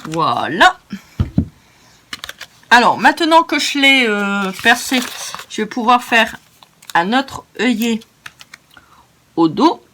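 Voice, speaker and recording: A woman's voice: a little high, sing-song, slow, pauses often, sharp tone, a little hiss or hum. A French-speaking woman hosting a crafting tutorial, chatty and self-mocking as she narrates each step. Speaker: craft video host.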